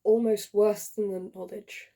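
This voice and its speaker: A woman's voice: medium pitch, level tone, natural voice. A woman voicing a dying lovesick soldier-poet, Cyrano. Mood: grieving, tender. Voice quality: hushed, breathy, half-whispered. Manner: tender, grieving, slow and heartfelt. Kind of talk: dramatic monologue reading.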